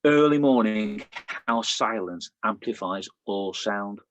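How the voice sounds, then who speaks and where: Heard through lo-fi sound, a middle-aged man speaks slowly in a fairly low voice. He's a Lancashire poet with a Lancashire English accent, giving a poetry reading where chatty introductions and fillers sit between the poems.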